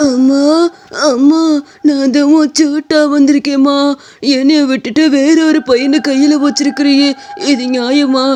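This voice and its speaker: A woman's voice: high voice, flat delivery, a little mellow. A woman doing a fake whimpering little boy. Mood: pleading scared. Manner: slow, pleading, whimpering. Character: young man pretending to be a lost crying little boy.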